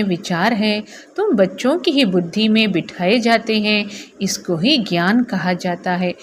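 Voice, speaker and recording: A woman's voice: medium pitch, a little hiss or hum. A woman reading a spiritual discourse aloud as a teacher, repeating each passage and then explaining it.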